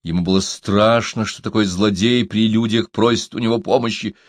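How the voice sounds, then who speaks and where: A man narrating a novel in a dramatic, expressive reading. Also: on the low side, normal speed, dry recording, clean studio sound. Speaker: audiobook narrator. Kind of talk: scripted narration.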